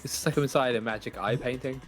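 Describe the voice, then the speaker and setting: A man's voice: medium pitch, steady tone, fast. A man co-hosting a retro game stream, chatting casually, swearing now and then and thanking viewers. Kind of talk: casual gameplay chat. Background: game music.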